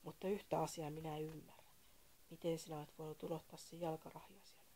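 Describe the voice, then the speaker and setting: A woman's voice: deep voice, steady tone, warm tone, slight background noise. A woman voicing a fussy male caller who lectures about history in a read-aloud story, prim and indignant. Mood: lecturing.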